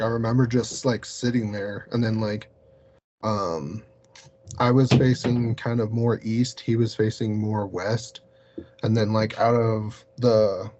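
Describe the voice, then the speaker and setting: The recording is muffled and lo-fi, with audible hum and hiss. On it, a man with a fairly low, slightly mellow voice rambles through anecdotes as an interview guest, saying "like" very frequently.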